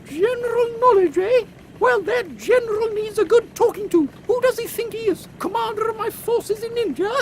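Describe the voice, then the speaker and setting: A woman's voice: very high voice, normal speed, darkish tone, rough recording. A woman playing an imperious, eccentric elderly British queen with an upper-class accent in a comic audio drama, pompous and exclamatory. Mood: indignant. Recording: faint background noise.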